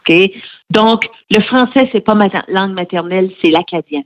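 Speaking at normal speed in a mid-range voice, this middle-aged woman appears as a radio guest and heads a francophone federation. She explains things earnestly, with many hesitations. There is no echo; the recording is dry and slightly muffled.

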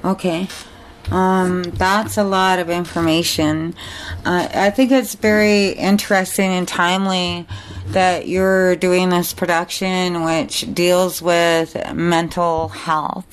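A woman's voice: on the low side, little pitch movement, slow, a little hiss or hum. A woman hosting a community radio interview, asking questions hesitantly with many fillers. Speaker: radio host.

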